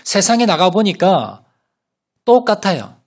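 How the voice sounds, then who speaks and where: A man preaching a sermon as pastor, telling a story with rhetorical questions and sudden loud rises and soft drops. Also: high-pitched, sing-song, measured pace, breathy edge. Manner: asks the congregation rhetorical questions.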